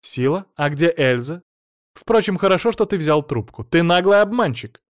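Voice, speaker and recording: A man voicing a furious older mother-in-law who screeches accusations in a high, loud voice, reading a storybook. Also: normal speed, dry recording, studio quality, close to an everyday voice.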